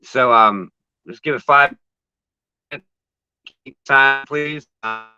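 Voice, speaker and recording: A man's voice: mid-range voice, pushed and bright, clear, resonant tone, dry recording. Man on a choppy call, cutting out. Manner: halting, filler-heavy. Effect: choppy connection cutting out mid-sentence. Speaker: livestream host. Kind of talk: casual chat. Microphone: online call. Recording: muffled, dry online call audio.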